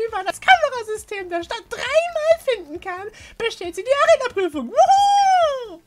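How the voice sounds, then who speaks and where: High, cute anime streamer girl. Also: fairly bright tone, full character voice. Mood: excited, showy. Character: hyper, cute young female anime streamer and gym leader. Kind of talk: dubbing video game dialogue.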